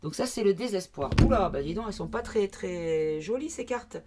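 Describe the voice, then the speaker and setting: A woman's voice: medium pitch, expressive, normal speed, dark tone, a little hiss or hum. A woman from the south of France doing a casual card reading to camera, thinking aloud with many fillers and asides. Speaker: card reader.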